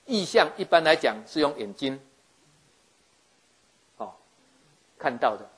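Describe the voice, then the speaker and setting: A man giving a lively sermon, acting out scenes and often checking that his listeners follow. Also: on the high side, measured pace, breathy edge. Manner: animated, acts out scenes, keeps asking listeners if they follow. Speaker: preacher.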